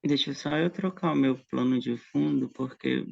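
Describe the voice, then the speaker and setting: A man chatting casually with a colleague before an online conference session, friendly and quick to laugh, heard over a video call. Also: mid-range voice, vocal fry, highs cut off. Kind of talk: casual online meeting chat.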